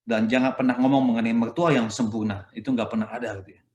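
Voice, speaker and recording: An Indonesian-accented male priest delivers a relaxed, conversational homily, voice sitting at an ordinary middle pitch. He talks loosely, tacking on little tags and dropping in English words. The recording carries a noticeable room echo. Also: quick pace, muffled recording. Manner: conversational, peppered with "gitu ya" tags; mixes English phrases into his speech. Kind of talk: sermon. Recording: echoey room.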